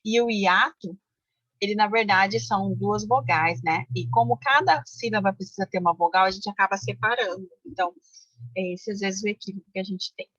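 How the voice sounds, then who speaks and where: A woman teaching grammar in an online class, walking through each rule patiently and often checking that her students follow. Her voice sits at a middle pitch. The audio is muffled and lo-fi, with a dry close sound and no room echo. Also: normal speed, a bit bright, slightly rough. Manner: explanatory, many fillers and checks with listeners. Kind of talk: online Portuguese grammar lesson. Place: home, car noise outside.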